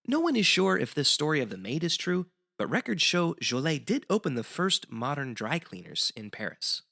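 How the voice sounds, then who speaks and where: A man with a bright, lively, somewhat high voice that dips into a creaky edge explains history as a guest on a show. He's articulate and wry, at a normal speed, in the style of scripted educational banter.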